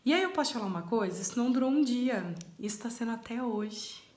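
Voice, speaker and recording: A woman's voice: fairly high pitch, lively intonation, fast talker, darkish tone, echoey room. A Brazilian woman in her thirties giving parenting advice in a chatty vlog, talking straight to her viewers. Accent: Brazilian Portuguese. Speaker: parenting vlogger.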